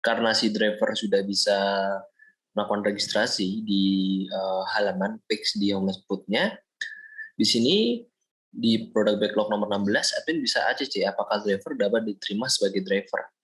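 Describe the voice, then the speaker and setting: A young man from Indonesia, a student, explaining a software project step by step in a screen-recorded walkthrough, often pausing with fillers. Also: fairly low pitch, fairly even intonation, poor audio. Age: young adult. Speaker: student presenting a project demo.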